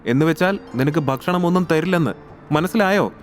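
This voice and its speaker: A man's voice: a little high, brisk, voice pushed up, close to an everyday voice. A man playing a cool, bossy young woman. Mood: scolding. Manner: scolding and teasing, cool and composed. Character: calm, bossy young woman, teasing, unafraid. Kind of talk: audio drama acting.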